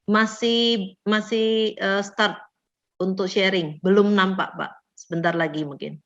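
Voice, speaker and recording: A woman's voice: medium pitch, steady tone, measured pace, fairly bright tone. Polite woman moderating a webinar, lo-fi. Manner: polite, guiding speakers. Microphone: video call. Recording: dull lo-fi audio.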